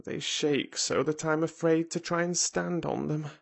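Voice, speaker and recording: A man's voice: fairly high pitch, steady tone, a little slow, vocal fry, pitched above the performer's own voice. A man voicing a frail young boy with an eager, commanding manner, in a storybook reading. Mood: earnest.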